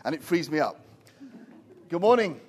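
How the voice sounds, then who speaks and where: At a moderate pace, a man in his fifties preaches a sermon as a guest in a small church, sprinkling in jovial asides. He gets animated and goes loud and high while preaching but drops to a hushed, soft voice for prayer. He recorded it on his own device, without a microphone.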